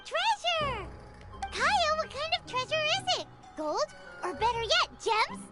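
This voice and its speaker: A woman voicing a tiny, excitable, treasure-loving fairy companion in a video game, with a squeaky childlike voice. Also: a little slow, over loud music, full character voice. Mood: greedy excitement.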